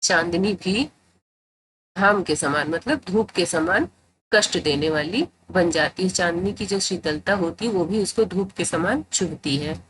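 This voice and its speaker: A woman teaching Hindi grammar in a tutorial, explaining patiently and repeating phrases to make each point clear. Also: fairly low pitch, measured pace, a little hiss or hum, low-quality recording.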